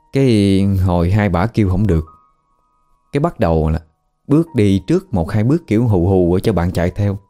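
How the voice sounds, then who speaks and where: A man's voice: lowish voice, dark tone. A man with a Southern Vietnamese accent narrating a ghost story in a colloquial, conversational way.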